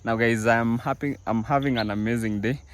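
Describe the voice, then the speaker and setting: Briskly and in a steady, mid-range voice, a young East African village vlogger talks casually to viewers as he tours his family farm outdoors. He uses many fillers and restarts, with slight background noise.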